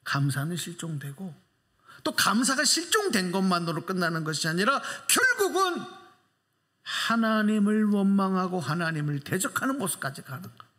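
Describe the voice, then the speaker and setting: A man preaching a sermon as pastor in a church, emphatic, pressing the congregation with rhetorical questions and swinging his pitch widely for emphasis. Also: sing-song, normal speed, bright, forceful tone.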